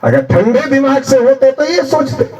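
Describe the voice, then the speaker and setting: A man's voice: very high voice, lively intonation, normal speed, a little mellow, reverberant. Emphatic male political speaker, distant. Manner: emphatic, storytelling with acted exchanges. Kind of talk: public political speech.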